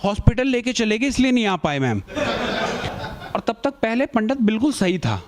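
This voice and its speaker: A male stand-up comedian telling a school story in an animated way, acting out the people in it. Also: high-pitched, normal speed. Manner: animated, acts out quoted characters. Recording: noisy live stage recording.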